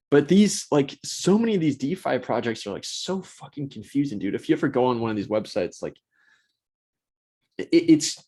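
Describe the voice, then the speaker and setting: A man's voice: medium pitch, darkish tone, breathy edge. A man hosting a casual solo talk, blunt and profane, rambling and restarting his sentences. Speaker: host.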